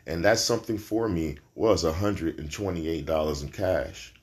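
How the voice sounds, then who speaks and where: Deep-voiced new york guy from brooklyn, solo podcast, slangy and cussing, voice jumps up for punchlines. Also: moderate pace. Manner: animated storyteller, slangy and profane, jumps up in pitch for punchlines. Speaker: podcast host. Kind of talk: casual solo podcast storytelling.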